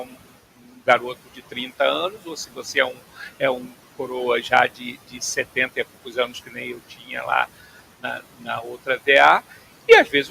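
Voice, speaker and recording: Bright gravelly man teaching. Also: fairly high pitch, slight background noise, rough recording. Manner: explains patiently, checks in with "tá?" and "ok?". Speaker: flight phraseology instructor. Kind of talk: online class lecture.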